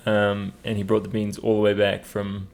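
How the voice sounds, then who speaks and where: A man's voice: lowish voice, monotone, normal speed, creaky. A man co-hosting a podcast, laid-back and a bit rambling. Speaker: podcast co-host. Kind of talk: casual chat.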